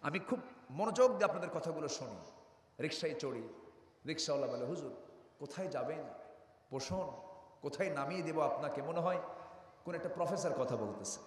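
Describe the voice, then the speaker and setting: A male preacher giving an Islamic sermon, calling out to the crowd for loud replies. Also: a little high, animated, brisk, pauses often, slight background noise. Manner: call-and-response with the crowd, loud bursts. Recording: roomy echo, long reverb, distant mic.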